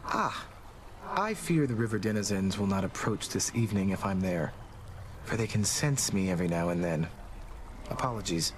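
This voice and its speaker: An actor playing a solemn, courteous male god of doom who speaks in a formal, measured way in a video game. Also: sits low, animated, slight background noise. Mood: grave.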